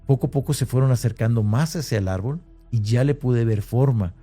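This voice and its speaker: Man, Mexican Spanish accent, mellow mid-pitched voice, halting first-person storytelling with faint music behind. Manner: hesitant, with many restarts and fillers, slowing at tense moments. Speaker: interviewee recounting an encounter. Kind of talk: conversational first-person account.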